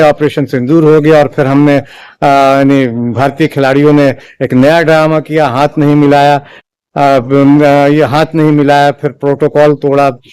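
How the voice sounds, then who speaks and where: A man giving a spoken opinion commentary in a measured, halting way, with frequent restarts and fillers. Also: a little high, darkish tone, smooth, no room sound. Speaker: political commentator.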